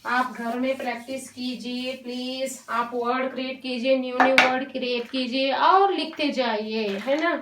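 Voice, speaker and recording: A woman teaching a Hindi lesson to young children, talking slowly and patiently, drawing out syllables and mixing in English words. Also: high voice, fairly even intonation, far from the mic, heavy background noise. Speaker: primary school Hindi teacher. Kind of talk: online classroom lesson. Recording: roomy echo, voice off-mic.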